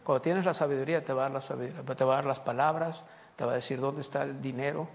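A man's voice: medium pitch, fast talker, vocal fry, in a large hall, a little hiss or hum. A man preaching a sermon as pastor, telling stories with laughter and breaking into short prayers and praises. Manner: lively storytelling with laughter and prayer interjections. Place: church sanctuary.

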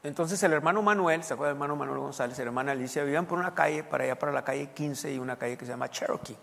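A man's voice: fairly high pitch, very fast, creaky, a bit bright. A male pastor preaching a sermon as a personal story, talking conversationally and asking his congregation questions. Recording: long hall reverb.

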